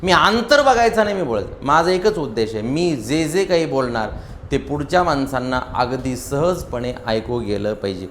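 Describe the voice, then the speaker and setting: A man teaching public speaking to a seated audience, animated and emphatic, showing how to speak loud and slow. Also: mid-range voice, slight background noise. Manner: animated and emphatic, demonstrating loud and soft delivery. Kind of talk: motivational classroom lecture.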